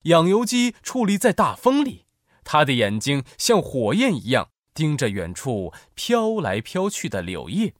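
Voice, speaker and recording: Animated male children's storyteller. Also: on the high side, measured pace, no echo, clean studio sound. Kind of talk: scripted narration of a children's story.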